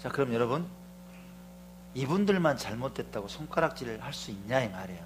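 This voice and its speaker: A middle-aged male pastor preaching fervently, moving from hushed asides to shouted proclamations and often questioning the congregation. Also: mid-range voice, expressive, fairly quick, a little hiss or hum. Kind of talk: sermon.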